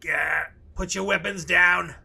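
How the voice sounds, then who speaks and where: A man voicing a stern, commanding guard captain of a lake town who barks loud orders and threats. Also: sits high, steady tone, slow pace, creaky, slightly rough, exaggerated voice.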